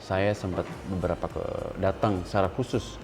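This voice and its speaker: Thirties male guest, low voice, earnest and candid, faint music under. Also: steady tone, moderate pace. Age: 30s. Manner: earnest, mixes English words, stressed rises when quoting others. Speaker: interview guest. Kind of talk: candid interview talk.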